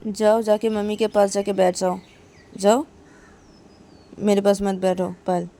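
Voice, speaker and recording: Woman playing ananya, a sulky young girl, curt and cold, mellow tone. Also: medium pitch, flat delivery, measured pace, close to an everyday voice. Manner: curt, stern.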